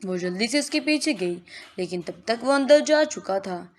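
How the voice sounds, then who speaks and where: High-voiced woman reading a story. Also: animated. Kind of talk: scripted narration.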